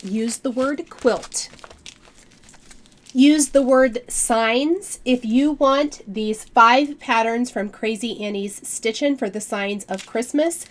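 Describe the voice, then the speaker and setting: Lady chatting on her stitching vlog, a little stuffy nose, lotsa ums, kinda high voice. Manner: chatty, friendly, many fillers. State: slightly nasal from a cold. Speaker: cross stitch vlogger. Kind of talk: casual chat to camera.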